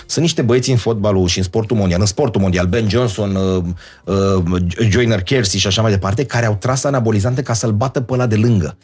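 A man chatting casually as a guest, telling stories with lively, animated delivery and sudden leaps in pitch. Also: husky. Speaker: guest storyteller. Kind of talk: casual chat.

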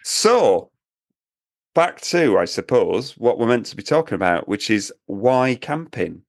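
A man's voice: mid-range voice, very animated, unhurried, dry recording, studio quality. A man co-hosting a casual podcast chat, reading out listener messages and laughing often. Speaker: podcast co-host.

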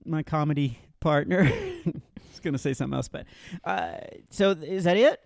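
A middle-aged man hosting a comedy podcast, telling stories in a lively, teasing way and laughing often. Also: a little high, normal speed, gravelly, dry recording. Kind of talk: casual comedic banter.

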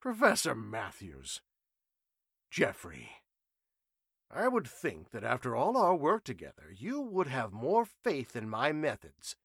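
A man voicing a jubilant, excitable eccentric male professor in a storybook reading. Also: medium pitch, takes it slowly, slightly rough, dry recording, studio quality, exaggerated voice. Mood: chiding.

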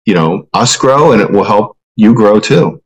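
A man with a fairly low voice co-hosting a podcast. He talks in a friendly, earnest way that leans a little salesy, with casual fillers. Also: animated, normal speed, dull audio. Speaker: podcast co-host.

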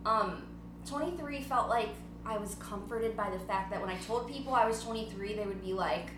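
In a mid-range voice at normal speed, a podcast host in her twenties chats casually from home before a party. Bubbly and giggly, she rambles on, and the recording carries noise and electrical hum.

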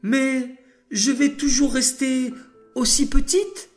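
A man voicing a small, gentle female moon in a children's story, talking in a high, childlike way. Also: slow, soft background music, full character voice. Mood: eager.

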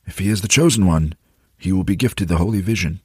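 A man voicing a solemn old male wizard, proclaiming gravely with a breathy voice. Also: low-pitched, fast talker, a little mellow, dry recording, clean studio sound.

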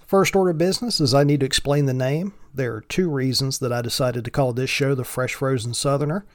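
Man, thick Appalachian accent, mid-pitched voice, folksy podcast monologue, wry dry humor, dry recording without room sound. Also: fairly even intonation, brisk, no room sound. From mountains of Virginia, United States. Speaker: podcast host.

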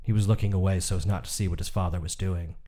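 A man giving a scripted literary narration, reading in a measured, unhurried way. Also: deep voice, fairly even intonation, mellow.

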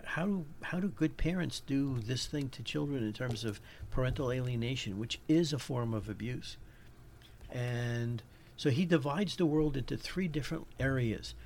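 A man's voice: mid-range voice, creaky, a little hiss or hum. A man with a New York accent hosting a podcast, giving an informal lecture as he searches for his words. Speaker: podcast host.

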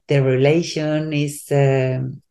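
Spanish-accented woman coach, slow and halting, warm mellow tone, casual interview guest. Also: low voice, little pitch movement. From Spain. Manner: halting, searches for English words, many restarts.

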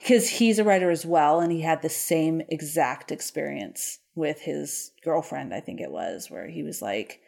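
Woman cohost, lowish voice, rambly and cussing a lot, casual chat. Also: expressive, moderate pace, gravelly, few pauses, a little mellow. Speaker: podcast co-host.

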